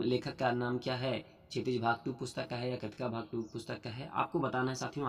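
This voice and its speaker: A man's voice: mid-range voice, husky. A young man teaching an online exam-prep lesson. He reads out multiple-choice questions, then answers and explains them, and keeps addressing his students as friends. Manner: addresses students as "saathiyon" over and over.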